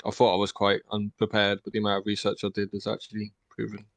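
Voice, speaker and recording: A man's voice: fairly low pitch, monotone, quick pace, gravelly, dry recording. A man chatting as a tabletop game player on a podcast, laid-back, with frequent fillers and laughs. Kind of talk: casual podcast chat.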